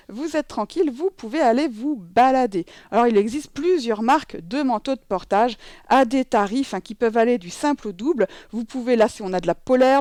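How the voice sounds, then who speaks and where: A French babywearing instructor, recorded dry through a headset, demonstrates how to wear a babywearing coat. Her voice is on the high side with a dark tone, and she chats casually, full of fillers and self-corrections.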